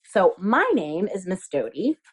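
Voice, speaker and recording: Patient and very animated, a female elementary school craft teacher walks young children through a craft step by step. Her husky, medium-pitched voice moves at a measured pace, using simple explanations, repeated phrases and small questions.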